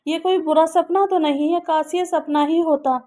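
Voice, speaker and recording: A woman's voice: very high-pitched, steady tone, moderate pace, mellow. A woman voicing a devoted, caring young woman speaking anxiously in a storybook tale. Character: young woman, devoted, tearful best friend.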